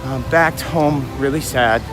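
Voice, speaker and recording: A man with a raspy, hoarse voice chatting casually as he hosts a walking livestream outdoors. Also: medium pitch, a little slow. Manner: chatty, addressing viewers and passersby. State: hoarse from yelling at a concert. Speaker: live stream host. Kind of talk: casual walk-and-talk livestream. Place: outdoors in a busy theme park. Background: music, outdoor park and vehicle sounds.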